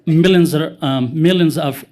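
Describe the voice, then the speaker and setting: A man's voice: on the high side, unhurried, a little mellow. A man from Afghanistan, a former interpreter giving earnest public remarks at a city council meeting. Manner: earnest, grammar slips, fervent.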